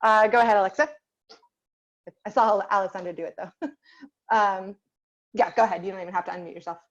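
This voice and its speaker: Over a dull, lo-fi video call, a young adult woman teaches children to sing online. Her voice sits in the mid-range with a steady tone and a slightly quick pace, and she keeps up an encouraging, chatty flow full of fillers.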